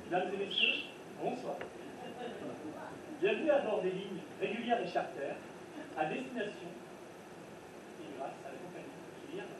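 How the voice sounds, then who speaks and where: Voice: medium pitch, expressive, normal speed, long pauses. Performer as a formal airport announcer over the intercom, improvised stage comedy, echoey hall from far off. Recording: echoey stage recorded from far off, room noise.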